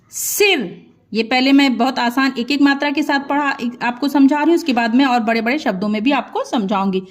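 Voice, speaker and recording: A high-pitched woman gives an unhurried lesson, breaking words into single syllables and drawing each one out. She says every piece carefully and then repeats the full word. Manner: sounds out syllables slowly and drawn out, then repeats the whole word. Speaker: Hindi teacher. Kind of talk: slow dictation-style lesson.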